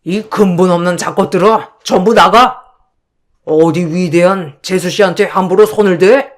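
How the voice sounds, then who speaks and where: A woman's voice: on the low side, moderate pace, close to an everyday voice. A blustering brother-in-law who barks orders and lectures everyone about lineage, as a woman reader voices him. His tone is commanding and puffed-up. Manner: pompous, commanding scolding.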